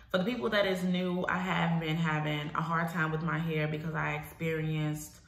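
A woman's voice: sits low, bright, forceful tone. A young woman with a stuffed-up, nasal voice from a head cold, chatting casually and emphatically to viewers as a hair vlogger. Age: young adult. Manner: informal, emphatic, addresses viewers directly. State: congested nose from a head cold. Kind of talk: casual chat to camera. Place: small home room, indoors. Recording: roomy, echoing indoor sound.

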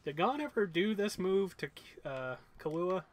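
A man's voice: high-pitched, lively intonation, a little slow. A young man casually chatting and joking while playing a video game with a friend. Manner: laid-back, joking banter while playing. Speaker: let's play co-host. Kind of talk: casual gameplay chat.

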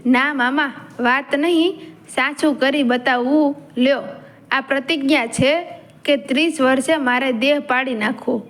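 A woman's voice: high-pitched, fairly even intonation, unhurried, fairly bright tone. A woman storyteller voicing a bold young male warrior chieftain who scorns death, speaking in proud, defiant declarations. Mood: scornful.

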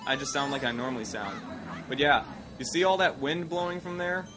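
With a mid-range, expressive voice and a slightly fast pace, a young Midwestern-accented man hosts a let's play. He's sick and coughing, rambling through casual commentary with self-deprecating asides as game music plays loudly beneath him.

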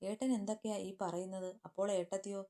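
A woman's voice: mid-range voice, little pitch movement, fast, dark tone, natural voice. A woman voicing an indignant, eager younger brother who asks pointed questions.

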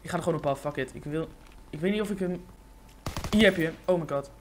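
A man giving live, excitable gameplay commentary, swearing often and talking in slang into a condenser microphone. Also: fairly high pitch, fast, background noise. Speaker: gaming YouTuber. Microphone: USB condenser microphone.

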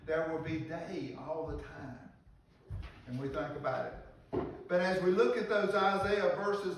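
An older man preaches from a pulpit, unhurried and earnest, pausing and restarting as he reads scripture. His voice sits a little high. He sounds far from the mic, and the church echoes heavily around him. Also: a little hiss or hum. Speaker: pastor. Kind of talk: sermon with scripture reading. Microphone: far camera in the pews.

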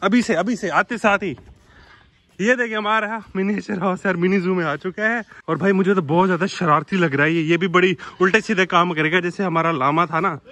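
Man, vlog host, fairly high voice, excitable and playful, chats to the animals. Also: brisk. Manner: excited, laughing, talks to the animal. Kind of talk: casual pet vlog chat.

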